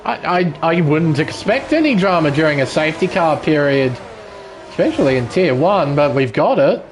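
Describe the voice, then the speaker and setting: A man's voice: on the high side, animated, normal speed, soft background music. A man doing live motorsport commentary, calling the race action move by move. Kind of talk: live sim racing commentary. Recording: loud vehicle noise behind. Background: racing car engine noise.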